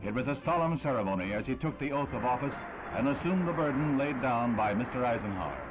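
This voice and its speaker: A man narrates an old newsreel in a solemn, emphatic, dramatic way, his mid-range voice expressive and fast. The tinny old newsreel audio carries music.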